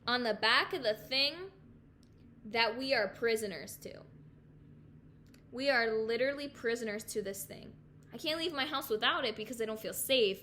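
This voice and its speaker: A woman's voice: on the high side, moderate pace, bright, forceful tone, a little hiss or hum. A young woman hosting a faith podcast, talking casually and earnestly with many fillers, and praying with emotion. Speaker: podcast host.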